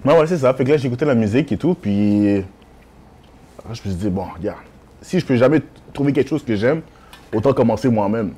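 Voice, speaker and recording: A man's voice: mid-range voice, brisk, husky. A man, a music producer telling his story animatedly in a casual interview. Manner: animated storytelling, acts out his own thoughts.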